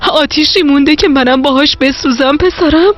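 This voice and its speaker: A woman's voice: high-pitched, natural voice. A woman dubbing a remorseful mother who speaks with tearful regret to her son in a TV drama. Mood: grieving. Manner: tearful, confessional. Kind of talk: dubbed TV drama. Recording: faint music behind.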